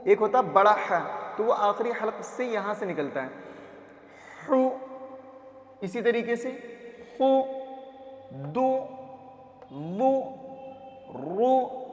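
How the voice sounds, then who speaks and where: A man teaching Quran reading, slowly sounding out syllables one by one and asking his own questions. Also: sits high, dull audio. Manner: drills letter sounds, repeats each syllable, asks and answers his own questions. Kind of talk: slow classroom recitation lesson. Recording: echoey roomy reverb.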